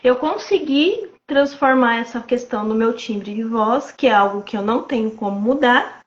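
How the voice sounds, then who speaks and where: Woman with a high childlike voice. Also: moderate pace, highs cut off. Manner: calm, reassuring, many fillers. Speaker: sales trainer. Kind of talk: casual live chat. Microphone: video call.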